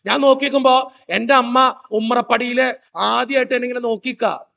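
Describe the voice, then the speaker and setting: A man's voice: extremely high pitch, steady tone, brisk, gravelly, pushed and bright, highs cut off. A man, a priest giving a humorous motivational talk in church, telling family stories and quizzing the audience. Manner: storytelling, joking, quizzing the audience. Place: church hall.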